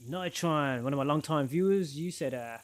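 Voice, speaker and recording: Man in his thirties, slightly high voice, easy chatty streamer talking to viewers on a desk mic. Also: normal speed. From England. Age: 30s. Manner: chatty, laughs often, answers viewers. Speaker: game streamer. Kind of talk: casual live-stream chat. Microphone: desk microphone.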